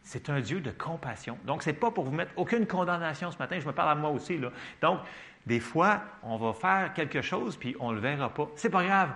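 A pastor with a Quebec French accent delivers a sermon in a lively, conversational style, frequently checking in with the congregation. His voice is on the high side and fairly quick.

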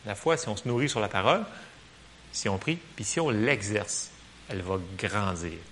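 A man with a Québécois French accent, preaching a casual sermon in a church, lively and joking, full of fillers. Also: lowish voice, normal speed, slight background noise.

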